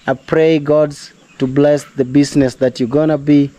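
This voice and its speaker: This young Kenyan man's voice is fairly high and dark-toned, with a flat delivery at a moderate pace. Vlogging casually outdoors at a rural home, he speaks English as a second language with a Kenyan accent, calling viewers "guys" and at times offering preachy, prayerful encouragement.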